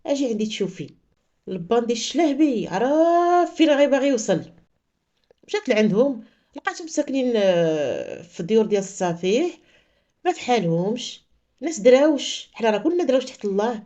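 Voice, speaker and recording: A Moroccan woman narrates a story quickly, with a high, lively voice that rises and falls a lot. Her tone is mellow rather than bright. The recording sounds slightly muffled. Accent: Moroccan Arabic.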